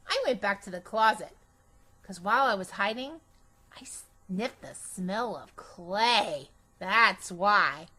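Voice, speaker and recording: A woman reads a children's storybook aloud in an animated style, voicing a chatty, imaginative, bossy little girl with childish, emphatic phrasing. Her voice sits a little high.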